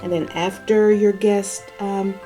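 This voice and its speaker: Holding the camera herself, a lifestyle vlogger chats casually while showing off gift baskets, repeating herself and using plenty of fillers. Her medium-pitched voice is flat, slow, and mellow, with soft music playing behind her.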